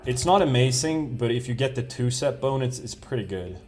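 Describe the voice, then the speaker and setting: A man's voice: medium pitch, lively intonation, normal speed, darkish tone, soft background music. Man chatting loosely while gaming. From Sweden. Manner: rambling, self-correcting, chuckles often. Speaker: streamer. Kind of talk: casual live-stream chat while gaming.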